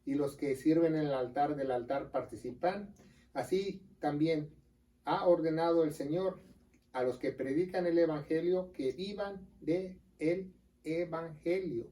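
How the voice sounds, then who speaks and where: A man with a Mexican accent, a pastor, teaches scripture earnestly in relaxed conversation. His voice sits a little high but sounds mellow and dark in tone. He is recorded from a bit off the mic. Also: recorded from a distance, rough recording. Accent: Mexican Spanish. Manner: earnest, explains scripture, quick aside jokes. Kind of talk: casual teaching chat on a religious show.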